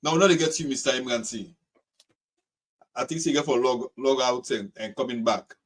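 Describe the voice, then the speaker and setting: A man with a Sierra Leonean accent and a husky voice hosts an informal political discussion, speaking emphatically and repeating his phrases. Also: mid-range voice, moderate pace. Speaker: host of a live political discussion. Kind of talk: informal political talk in Krio mixed with English.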